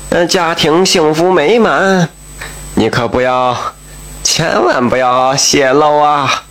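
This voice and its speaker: A male storyteller voicing a drunk, scheming young husband who confides a secret in a low, sighing drawl. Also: slow, a bit bright. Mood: confiding. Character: scheming rich young man, drunk, confessing.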